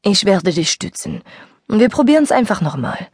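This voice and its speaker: A calm, teasing teenage boy, read by a woman narrator. He sounds soft and breathy, and his easy, relaxed tone comes across close and dry in a storybook recording. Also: mid-range voice, moderate pace, no echo.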